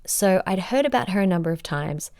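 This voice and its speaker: A woman's voice: lowish voice, animated, brisk, darkish tone, clear, resonant tone, dry recording, studio quality. A woman, a business coach hosting a solo podcast. She talks in an upbeat, emphatic way and stacks words into lists. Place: sitting on a bed.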